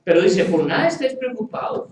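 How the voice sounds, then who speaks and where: Lively high-voiced man preaching in a church. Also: quick pace, roomy sound, distant mic, a little hiss or hum, low-quality recording. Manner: animated, playful, acts out quoted voices. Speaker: pastor. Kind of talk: sermon. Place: church hall with congregation.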